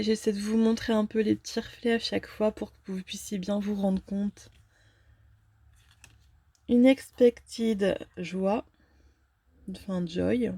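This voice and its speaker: A woman casually unboxing and reviewing a fortune-telling card deck, talking hesitantly with many filler pauses. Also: medium pitch, dark tone, slightly rough, no room sound.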